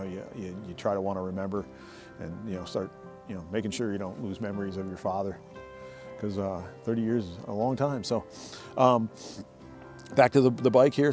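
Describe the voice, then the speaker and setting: Speaking from his shed workshop, a middle-aged motorcycle owner rambles through a casual story, frequently restarting and repeating himself. His pitch is fairly low and his tone a little mellow.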